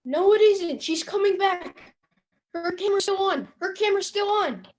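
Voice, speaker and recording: Woman acting alarmed onlooker, extremely high voice, urgent, scolding, exasperated, comic stage play. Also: normal speed. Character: exasperated, alarmed onlooker shouting warnings at fools.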